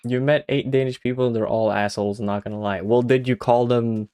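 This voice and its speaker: A man's voice: mid-range voice, fairly even intonation, a little fast, dark tone, clean tone. A young man from Sweden, chatting casually and swearing often while streaming a game. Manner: swears a lot and laughs at his own jokes. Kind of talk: casual gaming stream chat.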